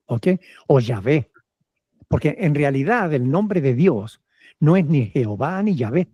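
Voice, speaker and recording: A man's voice: on the high side, warm tone, slightly rough, dry recording. A male pastor with a Peruvian Spanish accent, patiently answering questions from church members and often checking with "ok?".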